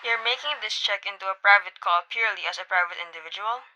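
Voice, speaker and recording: A woman's voice: medium pitch, fast talker, sharp tone, a little hiss or hum, low-quality recording. A young woman playing a formal, unyielding chief telephone operator in an amateur radio play. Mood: officious. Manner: formal, unyielding, matter-of-fact. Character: officious, procedure-bound female chief telephone operator. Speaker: amateur voice actor.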